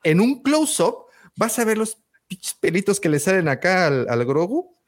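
A man's voice: sits high, very animated, unhurried. A man with a Mexican accent co-hosting a podcast, playful and teasing in casual slang. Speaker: podcast co-host. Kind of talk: casual chat.

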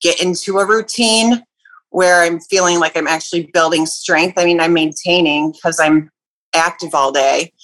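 A woman calling in to a radio show, her voice sitting fairly low for a woman. She talks in a casual, halting way and often pauses with fillers as she looks for the right words. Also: steady tone, a bit bright, low-quality recording. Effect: caller phoning in to a radio show. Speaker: personal trainer calling in with a question. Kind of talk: casual call-in chat.

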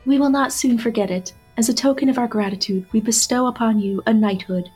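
A woman's voice: on the high side, fairly even intonation, fairly quick, a little mellow, slightly rough, faint music behind, voice pushed up. A woman voicing a tired old crone of a winter court, speaking formally. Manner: formal, weary.

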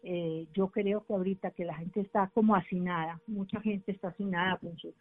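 A woman's voice: medium pitch, steady tone, a little fast. Woman therapist explaining over a phone line. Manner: didactic, explains step by step with examples. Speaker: couples therapist. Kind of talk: radio discussion. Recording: phone-line sound with faint music.

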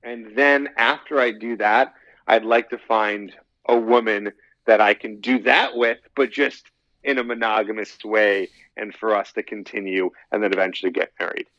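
This thirty-something dating coach talks on a podcast in a long, easygoing ramble, circling back to the same phrases. His pitch runs lowish, his tone stays steady, and he moves at a moderate pace with a touch of brightness. There's no echo, and the recording sounds dry, dull, and somewhat lo-fi.

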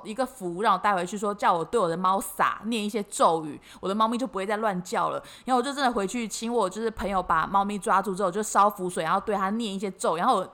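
A woman's voice: mid-range voice, bright, forceful tone. A woman with a Taiwanese Mandarin accent co-hosting a podcast, telling a story dramatically and acting out the quotes. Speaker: podcast co-host. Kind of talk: casual chat, storytelling.

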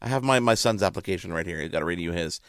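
A man's voice: deep voice, expressive, rapid-fire, smooth, no echo, studio quality. A man hosting a radio show in casual chat, chatty and playful, often interrupting himself.

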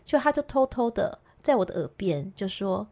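A woman with a Taiwanese Mandarin accent, co-hosting a podcast and telling a funny story in casual chat, with animated delivery and bursts of laughter. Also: a little high, moderate pace. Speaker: podcast co-host.

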